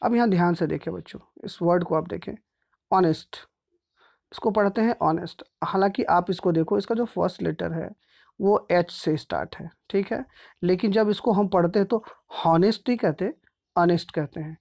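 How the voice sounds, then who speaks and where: A male teacher walks pupils through a grammar lesson. His delivery is patient and repetitive, and he keeps pausing to check that everyone is following. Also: high voice, creaky, a little mellow. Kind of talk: grammar lesson explained step by step.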